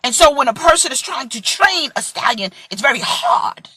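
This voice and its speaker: A woman's voice: high-pitched, big pitch swings, normal speed, bright, forceful tone. A woman in her forties from Brooklyn, preaching in an impassioned, emphatic way and acting out voices in a vlog sermon. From Brooklyn, USA. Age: 40s.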